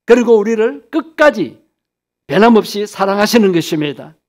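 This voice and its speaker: High-voiced Korean pastor preaching. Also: male voice, sing-song, moderate pace, darkish tone. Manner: asks the congregation questions and answers them himself. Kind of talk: sermon.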